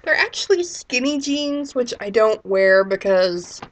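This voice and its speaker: A woman's voice: fairly high pitch, animated, unhurried. A woman in her thirties with a sick voice, chatting casually and rambling as a vlogger. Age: 30s. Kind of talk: casual chat.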